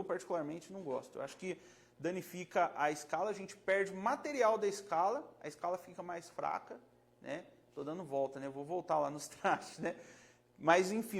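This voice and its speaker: A Brazilian man, a luthier, explaining frets casually in a relaxed, rambling way, demonstrating with his hands and often checking the viewer is following. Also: sits high, gravelly. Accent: Brazilian Portuguese. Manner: relaxed, rambling, self-correcting.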